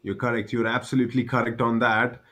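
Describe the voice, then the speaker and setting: A man's voice: medium pitch, little pitch movement, quick pace, fairly bright tone. A man doing live baseball commentary, chatty and repetitive, explaining the game for cricket fans.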